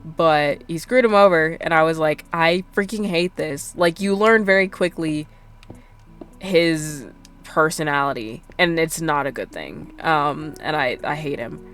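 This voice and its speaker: A woman's voice: sits low, a little slow, fairly bright tone, clean tone, soft background music. A young adult woman streaming a game, chatting casually and rambling with lots of fillers. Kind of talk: casual chat while gaming.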